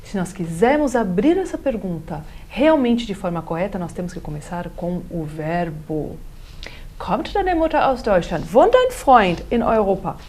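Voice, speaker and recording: A woman with a Brazilian Portuguese accent giving an online German lesson, explaining step by step and saying example sentences slowly. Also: mid-range voice, expressive, a little mellow. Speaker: German teacher.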